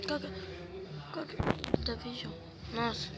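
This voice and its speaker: A woman with a Brazilian accent, hoarse and stuffy-nosed, thinking aloud as she guesses through a quiz game, with mild swearing. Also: on the high side, fairly even intonation, a little slow, heavy background noise. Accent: Brazilian Portuguese. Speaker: gaming channel host. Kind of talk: casual gameplay commentary.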